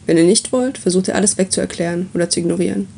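A woman voicing a patient, wry male god who calmly explains and lectures in a story reading. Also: fairly low pitch, creaky, a little hiss or hum. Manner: calm, unhurried, explaining.

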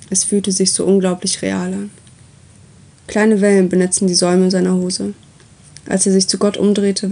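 A woman reading a story aloud as its narrator, with steady, even delivery. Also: mid-range voice, vocal fry, breathy edge.

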